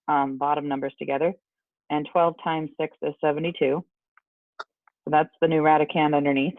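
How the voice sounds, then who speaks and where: A man with a slightly high voice gives a casual online math lesson, chatting away with rambling asides while allergies make him sound scratchy. The recording is dry and tinny, like a phone, with no room sound.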